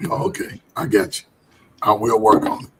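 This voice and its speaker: A man hosting a casual show with a hoarse, strained, nearly gone voice, sounding tired and drained. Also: on the low side, level tone, moderate pace, noisy background. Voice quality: raspy, strained. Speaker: show host and basketball coach. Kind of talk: casual group show talk.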